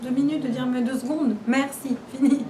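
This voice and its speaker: A woman with a high voice and fairly even intonation talks at normal speed while giving an informal class, chatty, full of rhetorical questions, and prone to repeating and restarting. The room recording is roomy and distant, with faint background noise.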